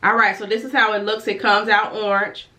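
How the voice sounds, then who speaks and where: Her medium-pitched voice stays level, fairly quick, pushed and bright. A beauty vlogger who is also a licensed cosmetologist, she chats loosely and keeps correcting herself while demonstrating skincare products, a bit congested from a cold. The room echoes and the microphone is distant.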